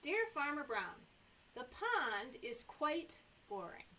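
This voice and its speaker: Reading and chatting with toddlers, a middle-aged American woman hosting library story time speaks in a high voice at a slow pace, with the animated, exaggerated expression young children enjoy. She's filmed indoors in a small room with a sofa by a camera just in front of her.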